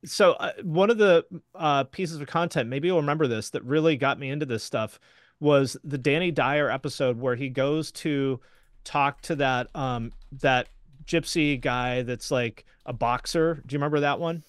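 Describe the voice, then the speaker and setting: A man's voice: medium pitch, moderate pace, clear, resonant tone, no room sound, clean studio sound. An American man who is a guest in a casual chat, talking in an easygoing way. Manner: relaxed, easygoing, many fillers.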